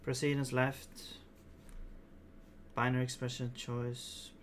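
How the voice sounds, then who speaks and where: Speaking slowly and in a monotone, this mid-range male voice belongs to a streamer from Sweden who codes on a casual livestream. He mutters half-finished thoughts aloud and occasionally chuckles, and a faint hiss or hum sits under the audio.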